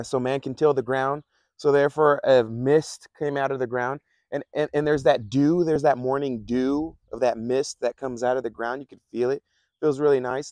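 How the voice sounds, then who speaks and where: A man's voice: a little high, darkish tone, no room sound. Man, pastor, loose chatty sermon, repeats himself, dry close sound. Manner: conversational, repeats phrases, chuckles often. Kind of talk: casual sermon.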